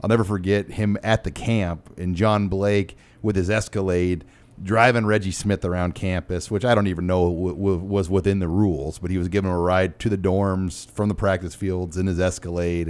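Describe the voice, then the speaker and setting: Male sports talk host, low voice, playful and ribbing. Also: brisk, a little mellow. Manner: joking, teasing.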